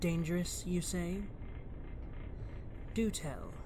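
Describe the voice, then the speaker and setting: In an audio drama, a male actor with a high-pitched voice plays a commanding police commissioner whose formal, measured speech is diplomatic yet stern. His manner is probing, and the background is noisy.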